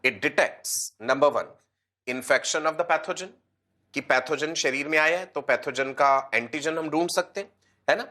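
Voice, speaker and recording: This online-class teacher, a man a bit hoarse with a slight cold, takes it slowly in a sharp, somewhat high voice. He's patient, addresses students as "beta," and goes over key terms more than once.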